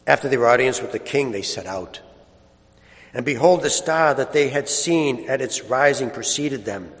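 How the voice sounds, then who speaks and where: A man serving as priest, reading the gospel aloud and then preaching a homily in a measured voice that slows and drops at the ends of phrases, heard with a cathedral echo. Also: mid-range voice. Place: large church. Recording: long cathedral-like church reverb.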